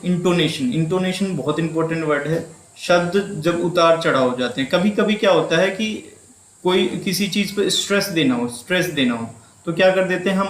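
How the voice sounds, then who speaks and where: A male teacher with a Hindi accent and a fairly high voice delivers an exam-prep lecture in an echoey room. He repeats key terms, poses and answers his own questions, and mixes English words into his speech.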